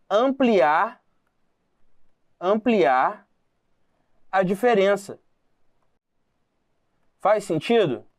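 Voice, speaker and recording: Brazilian English teacher, dry close voice. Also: male voice, high-pitched, dry recording. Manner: slow, careful reading of English example sentences; checks in often with short questions to the student. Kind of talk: explaining English grammar.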